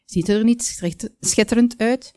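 A woman's voice: on the high side, measured pace, mellow, no echo, voice pushed up, close to an everyday voice. A woman voicing a stout, proud male baker in a storybook. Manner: proud, boastful.

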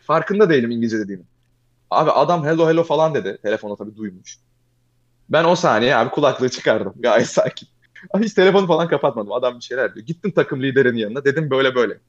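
Kendi sesiyle hızlı konuşan genç adam. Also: male voice, a little high, highs cut off. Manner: fast animated storytelling, addresses listener as "abi". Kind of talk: casual storytelling chat.

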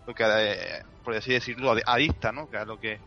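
A man's voice: lowish voice, brisk, creaky, muffled recording, faint music behind. A man giving his frank, blunt opinion on a game in casual chat, swearing freely. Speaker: podcast co-host.

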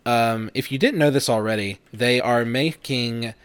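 A man's voice: mid-range voice, measured pace, smooth, dry recording. Rambling laid-back podcast host, a man. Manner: relaxed, rambling, with fillers and restarts. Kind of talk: casual chat.

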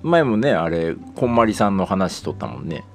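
Low-voiced guy chatting away in toyama dialect, pitch jumps around a lot. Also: fairly quick, soft background music. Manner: relaxed, chatty, laughs while talking. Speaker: podcast co-host. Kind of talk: casual podcast chat.

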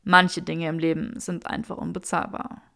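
A woman's voice: lowish voice, flat delivery, moderate pace, gravelly, a bit bright, voice pushed down. Clever young witch in a man's body, read by a woman. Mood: gracious.

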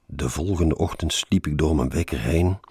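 A man's voice: extremely low pitch, normal speed, darkish tone, breathy edge, no echo, studio quality. A man reading a first-person story aloud in a wry, sardonic manner.

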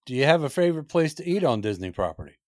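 A man's voice: a little high, big pitch swings, fast, a little mellow, no echo, clean studio sound. A man hosting a podcast, affirming his guest in a friendly way. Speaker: podcast host. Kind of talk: casual interview chat.

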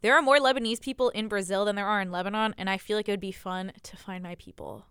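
A woman's voice: medium pitch, fast talker, fairly bright tone, smooth, no echo, clean studio sound. A young American woman hosting a podcast, chatting casually and informally with plenty of slang and "like". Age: young adult. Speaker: podcast host. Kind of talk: casual chat.

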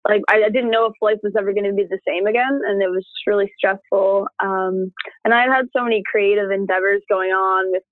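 A woman tells her story in a casual, chatty way and acts out the words people said. The sound is dry and tinny, like a phone call. Her pitch sits in a middle range. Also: steady tone, fairly quick, dry recording. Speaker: interviewee. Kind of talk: casual conversation.

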